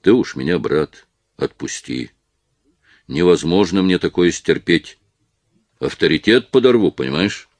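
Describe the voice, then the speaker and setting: A man's voice: low voice, lively intonation, a little slow, long pauses, darkish tone, no room sound. A man voicing a nervous, drunk middle-aged factory worker who wheedles and pleads. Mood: wheedling. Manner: whining, wheedling, then pleading.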